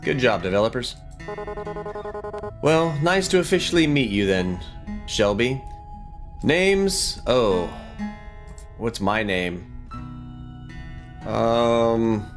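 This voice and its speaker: Speaking slowly and pausing often, a gaming video host with a medium-pitched, expressive voice gives informal let's play commentary, thinking aloud and occasionally reading game text. Guitar game music plays in the background.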